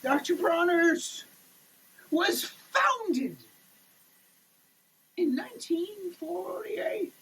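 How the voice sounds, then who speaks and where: Indoors in a shower, a performer gives a comedic, theatrical dramatic reading of label text, shifting between grand declaiming and muttered asides while choking, coughing, and gasping as water soaks them. The voice is very high-pitched and fairly bright with big pitch swings, very slow, and paused often. Running shower water fills the noisy room.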